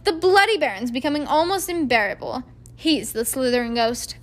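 A woman's voice: high voice, lively intonation, normal speed. Woman doing a stiff, proper noble ghost. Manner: stiff, wistful, easily miffed.

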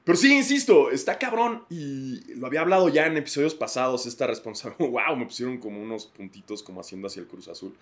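A man's voice: medium pitch, lively intonation, fast, hardly any pauses. A man with a Mexican accent hosting a podcast, rambling crudely in a casual comedic monologue and laughing often. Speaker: podcast host.

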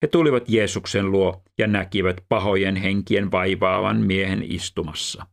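A man reading scripture aloud in a measured, even scripted delivery. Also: deep voice, vocal fry. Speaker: scripture reader.

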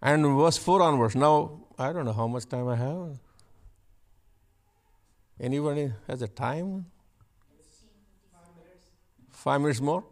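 A man preaching a sermon, shifting from chatty asides with the congregation to loud, emphatic repeated declarations. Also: a little high, takes it slowly, long pauses. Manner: builds to loud emphatic repetition; conversational asides with laughs.

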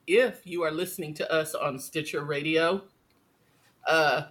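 A woman in her fifties co-hosts a podcast, her voice low, fairly bright, and measured in pace. She chats casually and rambles, often interrupting herself to restart sentences.

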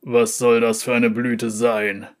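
Man putting on a gruff rumbling giant brewer. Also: level tone, slow, close to an everyday voice. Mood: puzzled. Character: huge scarred brawny brewer, gruff and blunt.

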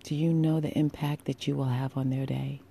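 A woman hosting a solo podcast with a sultry, husky voice, speaking intimately and deliberately with emphatic pauses, affectionate and encouraging toward listeners. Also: extremely low pitch, level tone, dark tone, a little hiss or hum. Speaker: podcast host.

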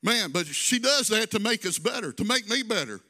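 A man's voice: high-pitched, animated, moderate pace, sharp tone. A male pastor preaching a conversational sermon, drawing phrases out in a sing-song and adding folksy asides.

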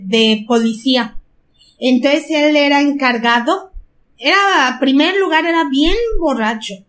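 An older woman with a Mexican accent, telling a story at an unhurried pace in a casual podcast chat and repeating words for emphasis. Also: high-pitched, fairly bright tone.

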